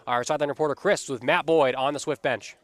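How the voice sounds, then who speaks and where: Energetic male lacrosse play-by-play commentator. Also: fairly high pitch, fast, no echo. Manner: energetic, rises on big plays. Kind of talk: live sports commentary. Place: commentary booth.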